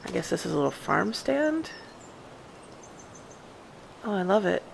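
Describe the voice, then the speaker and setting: Woman, very gravelly creaky voice, mid pitch, chatty in-character game roleplay, rambling. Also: big pitch swings, a little slow, a little hiss or hum. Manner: chatty, rambling, wondering aloud. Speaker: roleplay gamer. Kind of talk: in-character roleplay narration over gameplay.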